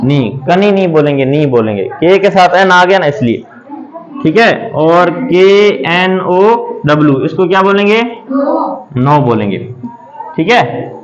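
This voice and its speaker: A man's voice: fairly high pitch, expressive, unhurried. A male teacher giving a step-by-step phonics lesson, repeating each question and answering it himself while writing examples on a board. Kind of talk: classroom lesson on English phonics. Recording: dull lo-fi recording.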